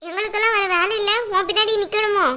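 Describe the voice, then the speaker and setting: A woman's voice: very high-pitched, fairly even intonation, fast, a crowd in the background. A woman voicing a stern older aunt who scolds her nephew bluntly in a family drama skit. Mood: scolding.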